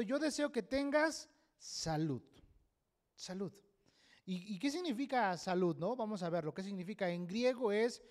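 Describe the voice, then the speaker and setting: A pastor preaches at a church service, his voice pitched high for a man. He talks emphatically and keeps checking in with his listeners with a questioning "right?". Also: a little mellow. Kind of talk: sermon.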